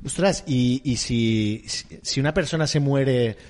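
A man's voice: mid-range voice, a little slow, darkish tone, in a large hall, slight background noise. A man co-hosting a podcast, joking and laughing as he talks. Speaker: podcast co-host. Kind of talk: casual chat.

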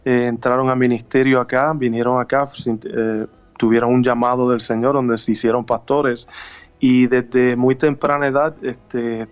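Puerto rican guy in his 30s, halting, lots of ums, dull lo-fi sound. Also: mid-range voice, little pitch movement, clean tone. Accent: Puerto Rican Spanish. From Puerto Rico. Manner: hesitant, many fillers and restarts. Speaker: gospel musician guest. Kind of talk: radio interview.

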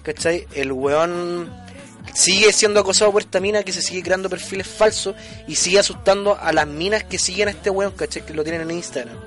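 Speaking Chilean Spanish, a young man co-hosting a podcast tells quick, slang-filled stories in relaxed conversation and performs different voices. His voice sits high and fairly bright, with soft background music.

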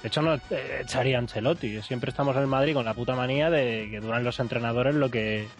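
A man's voice: medium pitch, fast talker, soft background music. Argentine male co-host, ironic and rambling, casual banter. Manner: ironic, meandering, many restarts. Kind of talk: casual banter on radio show.

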